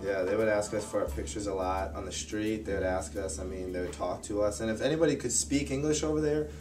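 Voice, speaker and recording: A young man telling stories about his time abroad in a casual, animated way, acting out what others said. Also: fairly low pitch, fast, distant mic, soft background music. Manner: animated, acts out quoted voices. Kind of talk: casual storytelling.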